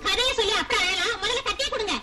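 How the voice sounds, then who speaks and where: A woman's voice: very high voice, racing, recorded from a distance, a loud crowd. An actress playing a practical wife who bluntly scolds her grand, weepy husband, in a dubbed film. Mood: impatient. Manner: blunt and impatient.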